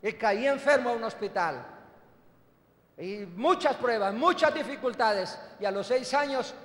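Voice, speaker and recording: Older pastor, high-pitched man, emphatic testimony preaching, roomy reverberant church. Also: animated, measured pace, a bit bright. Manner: emphatic storytelling, calls listeners "hermano". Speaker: apostle and pastor. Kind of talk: testimony sermon. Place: church hall. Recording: echoey church hall with long reverb.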